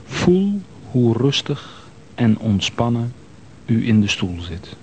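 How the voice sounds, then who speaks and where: A man calmly leading a guided progressive muscle relaxation exercise, giving slow, soothing instructions. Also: mid-range voice, a little hiss or hum.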